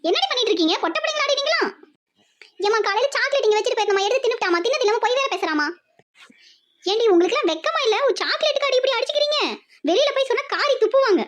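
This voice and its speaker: Cartoon casting: very high, fast-talking village mom with a Tirunelveli accent who scolds nonstop. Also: female voice, animated, a bit bright. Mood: scolding. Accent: Tirunelveli Tamil. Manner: shrill scolding, melodramatic complaints. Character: nagging middle-aged village mother.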